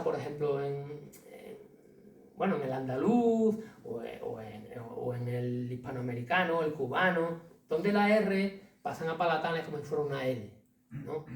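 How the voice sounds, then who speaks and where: Spanish man lecturing in an echoey hall. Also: fairly high pitch. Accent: Spain Spanish. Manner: colloquial, animated, recites verse, frequent tag questions. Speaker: author giving a public talk. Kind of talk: lively informal lecture. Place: hall with a large audience. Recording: echoey hall, distant mic, faint noise.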